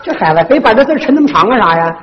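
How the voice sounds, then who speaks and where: A performer playing a sharp-tongued, bossy older village godmother in a comic folk stage duet, with a Northeastern Mandarin accent and a brash, scolding, gossipy way of telling stories. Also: medium pitch, big pitch swings, racing, lightly acted. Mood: scolding gossip. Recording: echoey stage, dull lo-fi sound, faint hiss.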